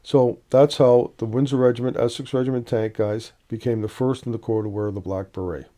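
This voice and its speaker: Hesitant man with a very dark voice. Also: mid-range voice, a little fast. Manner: relaxed, hesitant, many "uh" fillers. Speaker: badge collector presenting a video series. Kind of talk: casual show-and-tell explanation.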